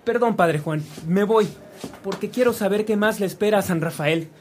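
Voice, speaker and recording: An actor playing an earnest, eager devotee in a radio drama, expressive as he confides in a priest. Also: high voice, normal speed, slight background noise, natural voice.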